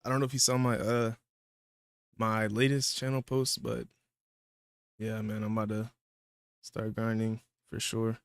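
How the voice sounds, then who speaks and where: A man's voice: lowish voice, flat delivery, unhurried, creaky, pauses often, clean tone, dry recording, clean studio sound. Laid-back man chatting while eating. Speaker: livestream guest. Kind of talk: casual livestream chat.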